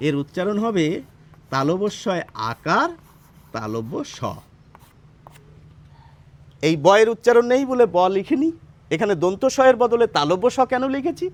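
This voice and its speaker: A man teaching a pronunciation lesson, patiently explaining and asking his listeners questions, then answering them himself. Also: high-pitched.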